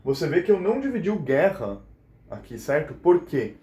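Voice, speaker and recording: A man's voice: fairly high pitch, sing-song, normal speed, dark tone, muffled recording. A male teacher explaining a poem's syllable count in a recorded class lesson, checking in with his students often. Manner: explanatory, checks in with frequent questions. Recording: roomy echo.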